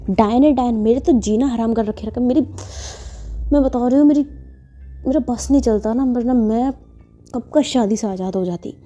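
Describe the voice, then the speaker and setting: A woman's voice: fairly high pitch, mellow, natural voice. A woman storyteller voicing a petulant, defiant young bride who sulks and talks back. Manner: whiny, sulking, talks back. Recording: dull lo-fi with faint music.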